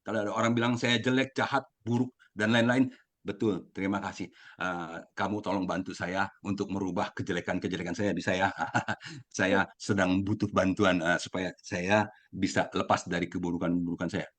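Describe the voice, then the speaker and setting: A man's voice: sits low, steady tone, normal speed, fairly bright tone. A man sharing a candid, self-deprecating story in a casual Buddhist talk, laughing often. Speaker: sharing participant.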